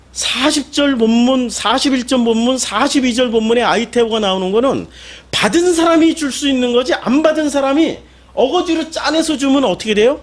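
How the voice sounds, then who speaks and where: A male pastor preaching a sermon, firing rhetorical questions at the congregation and answering them himself, with sudden emphatic exclamations. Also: very high-pitched.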